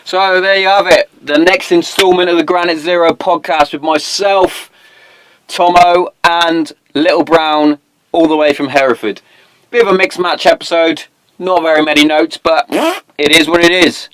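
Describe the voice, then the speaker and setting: A man's voice: on the high side, steady tone, normal speed, a bit bright, smooth, no echo, rough recording. A British man hosting a podcast, chatting casually in a matey, sweary, slangy way. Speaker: podcast host. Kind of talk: casual chat.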